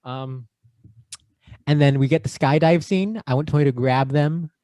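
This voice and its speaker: A man co-hosting a podcast in casual chat, playful and quick to act out lines. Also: fairly high pitch, mellow, no echo. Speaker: podcast co-host.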